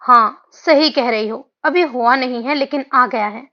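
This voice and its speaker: A flustered young woman struggling to share her news , read by a woman narrator. The voice is fairly high, with a dull, lo-fi recording. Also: a little slow. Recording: dull lo-fi audio.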